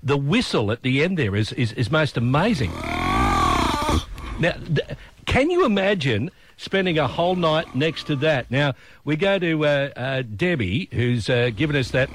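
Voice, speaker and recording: A man's voice: fairly high pitch, very animated, moderate pace, noisy background. An older Australian man hosting local radio with casual, matey, self-deprecating breakfast chat. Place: radio studio.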